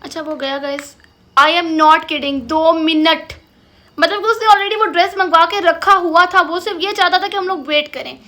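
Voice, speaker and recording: A young woman from Pakistan, vlogging at home, telling a story in an animated way, acting out both sides of an argument and slipping into English. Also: extremely high pitch, a little fast, hardly any pauses. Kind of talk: storytime vlog. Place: lounge at home. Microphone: camera in front of her.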